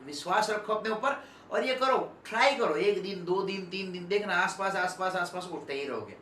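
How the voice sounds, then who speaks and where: A man as animated motivational speaker, echoey room. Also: high-pitched, normal speed, slight background noise. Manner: animated, switches between soft and loud on purpose; keeps checking in with the listener by asking "okay?". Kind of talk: motivational talk to students. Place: indoor room, standing and moving about. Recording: echoey room, mic at a distance.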